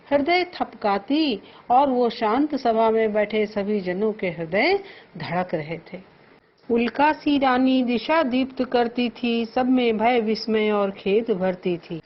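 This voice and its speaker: A woman's voice: a little high, husky. A woman teacher explaining a classic poem line by line. She recites each verse and then paraphrases it in plain words. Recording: dull lo-fi audio with faint noise.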